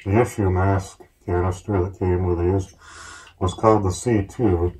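A man speaking through a gas mask, explaining gear in a steady, plain-spoken, casual show-and-tell way. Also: sits low, a little slow. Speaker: collector reviewing military gear.

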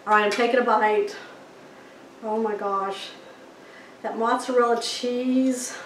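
A middle-aged woman, a chatty and folksy cooking host, demonstrates a recipe for viewers in her home kitchen and checks in with them often. She speaks slowly in a fairly high, steady voice, and the kitchen is echoey with faint noise.

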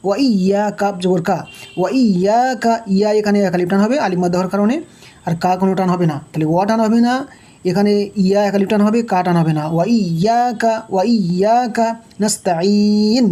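Patient woman teaching recitation, mellow. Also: medium pitch. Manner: patient, repeats and drills each syllable; slow melodic chanted recitation. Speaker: Quran teacher. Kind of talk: spelled-out recitation lesson.

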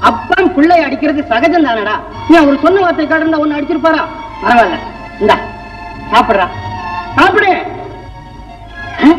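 A man's voice: very high voice, a bit bright. An actor playing a loyal, fussing male household servant in a 1960s film, coaxing and scolding. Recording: distant echoey old film soundtrack with music.

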